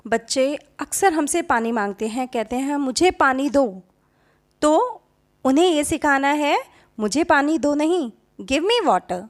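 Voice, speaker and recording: A woman with a high, light voice leads a patient home-teaching lesson. She works through it at an unhurried pace, repeating each model sentence and mixing Hindi with English words. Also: animated. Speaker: YouTube teacher.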